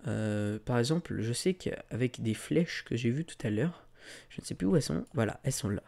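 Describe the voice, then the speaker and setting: A man's voice: medium pitch, moderate pace, gravelly. A man giving a casual, screen-recorded tutorial, talking through each click with lots of fillers. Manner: relaxed, talks through clicks with many fillers. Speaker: tutorial creator.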